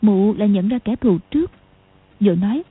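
A woman narrating a martial arts novel as an audiobook in a steady, dramatic reading. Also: medium pitch, brisk, husky, no room sound. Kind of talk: storytelling narration. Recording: tinny lo-fi audio.

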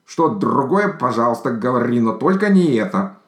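A man's voice: medium pitch, sing-song, normal speed, voice pushed up, natural voice. A man voicing Saraчun, a fussy chattering bird in a storybook, in an echoey room. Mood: excited.

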